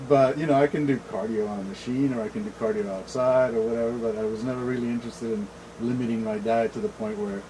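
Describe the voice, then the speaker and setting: A man's voice: mid-range voice, fast, hardly any pauses, low-quality recording. A middle-aged man bantering casually as a show host, blunt, opinionated and freely swearing. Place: shed. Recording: clear steady air-conditioner noise.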